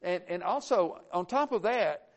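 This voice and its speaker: A man preaching a sermon, earnest and emphatic, with frequent halting restarts. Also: high-pitched, expressive.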